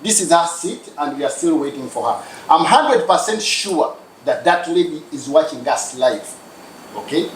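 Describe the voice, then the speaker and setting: A man with a Ugandan accent hosting a studio talk show, chatty and quick to laugh, often repeating himself. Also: on the high side, expressive. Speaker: host. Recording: roomy studio with faint background noise.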